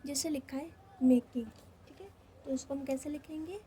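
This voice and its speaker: A woman's voice: high voice, mellow, slight background noise. A woman with a Hindi accent teaching shorthand, walking through each step and checking in often. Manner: slow, repeats each step, checks in with "theek hai". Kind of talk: step-by-step lesson.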